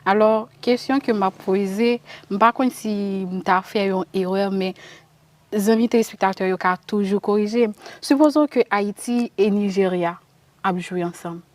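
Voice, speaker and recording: A woman's voice: mid-range voice, a little slow, darkish tone. A woman, asking friendly questions as interviewer in a casual talk show.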